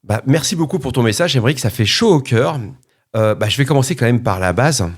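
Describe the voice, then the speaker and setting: A man's voice: medium pitch, animated, brisk. A middle-aged man hosting a podcast, answering a listener in a frank, joking, rambling casual manner.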